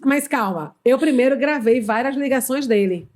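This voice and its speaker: Animated Brazilian woman telling a story. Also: high-pitched, normal speed, background noise. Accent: Brazilian Portuguese. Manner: animated storyteller, acts out quoted dialogue. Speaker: HR consultant, podcast guest. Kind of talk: casual storytelling in a podcast conversation.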